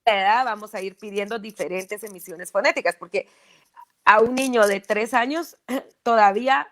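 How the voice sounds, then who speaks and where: A woman's voice: mid-range voice, moderate pace. A speech therapist, a woman, explaining patiently in an interview and often checking "¿verdad?". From Guatemala.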